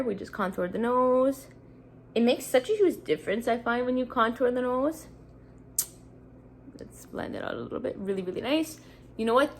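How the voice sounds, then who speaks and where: A beauty vlogger of about thirty from Montreal, Canada, chats through a casual get-ready-with-me while doing her makeup. Her voice is fairly high with a little hiss or hum, and she sounds congested and sniffly, rambling with lots of fillers.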